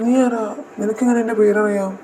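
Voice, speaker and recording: A woman voicing a calm, puzzled young man who lost his memory, in a fan audio drama. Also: medium pitch, fairly quick, a little hiss or hum, lightly acted. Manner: polite, matter-of-fact explaining.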